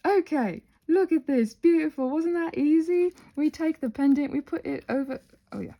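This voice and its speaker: Thinking out loud while she works, a high-voiced woman narrates a relaxed craft tutorial at a moderate speed. She jumps between thoughts, cuts herself off, and tosses in lively, playful exclamations along the way.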